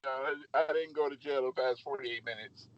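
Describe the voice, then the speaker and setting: A man in a casual chat who talks quietly and a little sheepishly over a phone call, his voice muffled and hollow as if he were inside a well. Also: mid-range voice, steady tone, moderate pace. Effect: muffled, hollow sound as if talking from inside a well.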